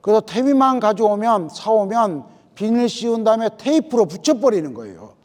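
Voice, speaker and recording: Speaking at normal speed in a high, sing-song, slightly mellow voice, a middle-aged agricultural lecturer addresses farmers in a hall. He shares folksy anecdotes and acts out the lines farmers said to him.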